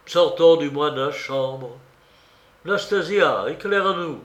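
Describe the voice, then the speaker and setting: Blustering drunk student, loud, roomy sound, read by a man. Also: fairly high pitch, expressive, slow. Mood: hushed urgent. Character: boisterous drunk young student. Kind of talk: audiobook character reading. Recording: roomy recording.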